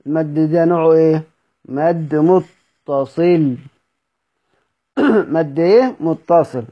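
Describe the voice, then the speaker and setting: A husky, animated voice on the high side belongs to a Quran recitation teacher with an Egyptian Arabic accent who talks a little fast. The muffled recording captures him explaining points, repeating them and quizzing students in a study session.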